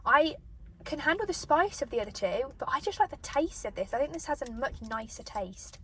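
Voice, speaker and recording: A British woman with a high voice hosts a casual mukbang, talking between mouthfuls and pausing for bites. She sounds a little away from the microphone, with clear noise behind her. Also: animated, a bit bright. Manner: eating as she talks, with pauses for bites. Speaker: mukbang host eating and reviewing food. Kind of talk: casual chat to camera while eating. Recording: distant microphone, noticeable background noise.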